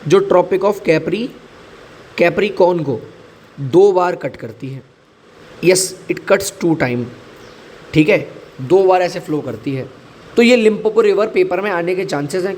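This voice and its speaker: A male teacher explains current affairs for exams in a chatty, repetitive way, slipping English phrases into his Hindi. His voice sits a little high. A faint hiss of background noise runs under the recording. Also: darkish tone. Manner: chatty, mixes English into Hindi, repeats key points. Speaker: exam-prep teacher.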